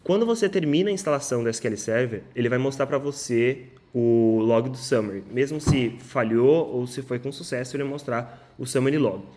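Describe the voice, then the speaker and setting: A man's voice: medium pitch, a little fast, hardly any pauses, warm tone. A man giving a casual screen-share tech tutorial, with many filler sounds and self-corrections. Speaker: instructor.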